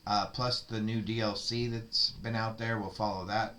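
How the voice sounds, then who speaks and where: Man, low voice, easygoing casual chat, rambling, faint background hiss. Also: flat delivery, normal speed, bright, forceful tone. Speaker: streamer's partner.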